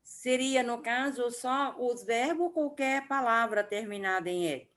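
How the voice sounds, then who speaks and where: A woman's voice: fairly high pitch, unhurried, fairly bright tone. A Brazilian woman student asking her teacher a question, hesitant and polite. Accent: Brazilian Portuguese.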